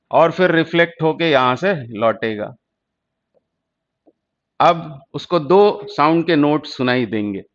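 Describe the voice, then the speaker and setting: A man's voice: on the high side, highs cut off. A man teaching physics for entrance exams, patiently explaining and repeating key terms. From India. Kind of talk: exam-prep lecture.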